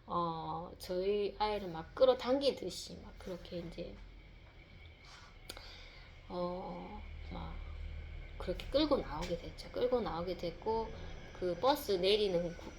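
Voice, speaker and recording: A woman's voice: lowish voice, animated, slow pace, creaky, darkish tone, slight background noise. A mother telling a personal faith testimony, rambling, with many fillers and repeated words.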